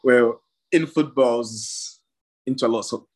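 A man's voice: mid-range voice, moderate pace, a little mellow, husky. A young man from Somalia, a professional boxer, giving short plain answers in a casual interview and laughing often.

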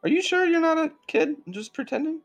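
A man's voice: very high voice, lively intonation, brisk, lo-fi sound, soft background music, voice pushed up. A man voicing a flustered, apologetic human woman bartender in a tabletop game. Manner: apologetic, suspicious.

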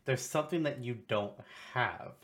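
A man's voice: mid-range voice, lively intonation, moderate pace, a bit bright. A man co-hosting a casual video game chat, cutting in with blunt, joking remarks. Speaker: co-host.

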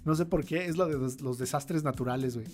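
A man's voice: mid-range voice, fast talker, darkish tone, faint music behind. A man with a Mexican Spanish accent, co-hosting a podcast and telling stories in loose, profane casual chat. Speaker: podcast co-host.

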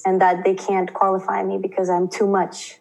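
A young woman from Russia, a student guest, chatting and acting out quotes in lively voices. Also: moderate pace, gravelly, rough recording. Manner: chatty, acts out quotes with lively pitch jumps. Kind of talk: casual interview talk.

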